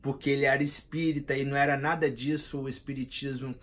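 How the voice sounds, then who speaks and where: A man tells a personal story in a lively, slangy way, calling the listener "cara". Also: mid-range voice, fast. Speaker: vlogger.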